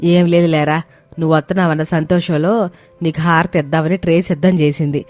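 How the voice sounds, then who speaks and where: A man's voice: a little high, little pitch movement, brisk, darkish tone, faint music behind, pitched above the performer's own voice, lightly acted. A male narrator voicing a scheming, domineering older mother-in-law who talks in a falsely doting, sweet-talking way. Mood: smoothing over.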